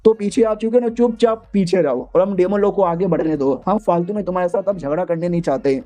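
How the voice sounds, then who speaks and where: A man voicing a smug, self-assured human king who talks down smoothly in a manga recap. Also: high voice, a little fast, dark tone, soft background music, lightly acted. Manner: smooth-talking, condescending.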